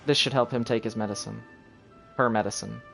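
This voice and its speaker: A man streams a game and chats casually, sometimes muttering to himself, while video game music plays behind him. His mid-range voice is steady, brisk and gravelly, with a slightly bright edge.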